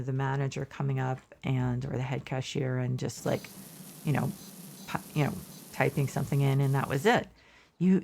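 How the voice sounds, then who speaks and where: Deep-voiced woman telling a rambling story. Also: vocal fry, a little mellow, slight background noise. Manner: meandering, self-correcting storytelling; asides about the game mid-story. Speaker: streamer. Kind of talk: casual storytelling while gaming.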